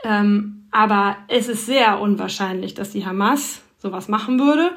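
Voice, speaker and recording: A woman's voice: medium pitch, unhurried. A woman correspondent answering interview questions, thoughtful and explanatory, with frequent fillers. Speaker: foreign correspondent.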